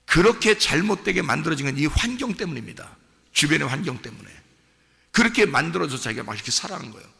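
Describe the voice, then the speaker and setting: A man preaching a sermon as a pastor, dropping to low murmurs and then rising to shouted emphasis. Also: animated, fast, vocal fry, in a large hall. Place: church sanctuary.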